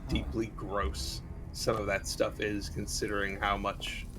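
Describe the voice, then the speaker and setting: A man's voice: on the low side, level tone, measured pace, music in the background. A man chatting casually on a game stream, talkative and opinionated.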